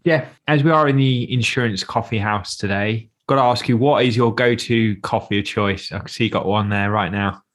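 Male podcast interviewer, slightly low register, informal and polite, casual question-led delivery. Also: moderate pace, few pauses, fairly bright tone.

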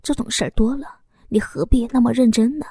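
Woman playing a young guy coworker, whispery and placating, kinda high, dry close mic. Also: brisk, husky, dry recording. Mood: hushed. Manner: hushed, half-whispered. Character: young male coworker, soft-spoken and placating.

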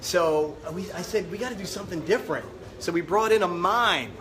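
A man's voice: high-pitched, animated, a little fast, a crowd in the background. A man who hosts a show, chatting casually and effusively on a red carpet, repeating himself for emphasis. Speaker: show host being interviewed.

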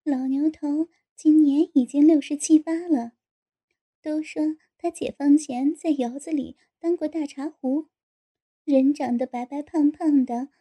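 Woman reading an audiobook, high pitch, soft mellow tone, steady. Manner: steady storytelling delivery. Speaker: audiobook narrator. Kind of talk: scripted audiobook narration.

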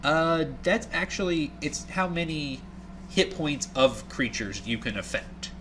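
A man's voice: a little high, expressive, measured pace, sharp tone, slight background noise. Easygoing male game master. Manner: easygoing, laughs often. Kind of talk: running a tabletop game.

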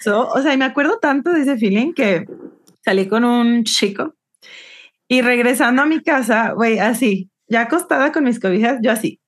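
A woman with a Mexican accent and a fairly high voice chats as a podcast co-host. Her talk is loose, informal and slangy. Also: moderate pace. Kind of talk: casual chat.

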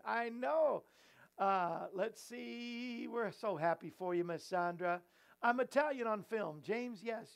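Chatty upbeat man hosting. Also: sits high. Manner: chatty, playful, joking with crew. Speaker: host. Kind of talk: casual chat.

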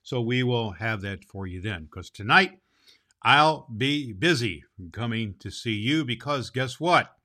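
A man's voice: mid-range voice, bright, forceful tone, heavily acted. A man playing a jolly old Santa Claus who hosts a children's storytelling show in a hearty, rambling manner.

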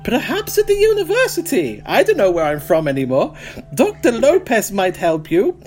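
A man's voice: high voice, huge pitch swings, faint music behind, voice pushed up. Man putting on Manuel, a mysterious Mexican guide. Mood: ominous. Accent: put-on Mexican. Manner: slow, loud, theatrical delivery. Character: male Mexican tour guide in his thirties, mysterious and ominous.

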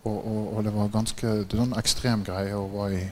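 A preacher with a lowish voice delivers a sermon packed with animated storytelling and frequent little laughs. He keeps asking listeners "right?" and grows louder and higher when the story gets exciting, with a faint room hum behind him.

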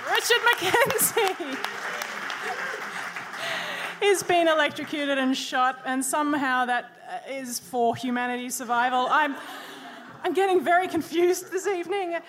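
A woman's voice: high-pitched, normal speed, crowd noise. A woman hosting a comedy debate on stage, introducing the next debater with playful, dry jokes. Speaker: host. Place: comedy venue before a live audience.

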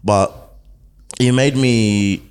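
A man in casual, animated conversation, talking like a dancer guest on a podcast, with plenty of slang. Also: lowish voice, extremely slow, heavy background noise. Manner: animated, slangy, says bro often. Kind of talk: casual chat.

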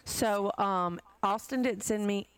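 A woman hosting a casual sports podcast, chatty and quick to laugh as she reads through notes. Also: mid-range voice, a crowd in the background. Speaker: podcast host. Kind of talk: casual chat.

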